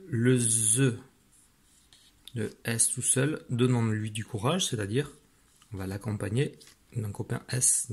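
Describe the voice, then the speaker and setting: A man teaching a spelling lesson, slowly sounding out syllables with patient guidance to a child at home. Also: medium pitch, a little mellow, husky. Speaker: primary school teacher.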